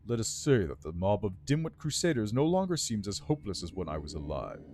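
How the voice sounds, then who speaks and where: A man's voice: lowish voice, huge pitch swings, brisk, a little mellow, slight background noise, pitched below the performer's own voice. A man voicing an ancient undead lich from a game, with a dry voice and a pompous, scornful, formal manner. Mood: dismissive. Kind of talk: voiced reading of game dialogue.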